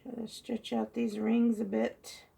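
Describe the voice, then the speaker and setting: Recorded by a phone held high above her indoor craft table, a woman pours and tilts acrylic paint while chatting softly and muttering as she works. Her hoarse, froggy voice sits a little high, moves little in pitch, and stays unhurried.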